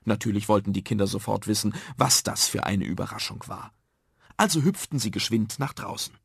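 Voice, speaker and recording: Husky, gravelly male storyteller. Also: on the low side, fairly quick, no echo, studio quality. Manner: lively, expressive storytelling. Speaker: narrator. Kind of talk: scripted children's story narration.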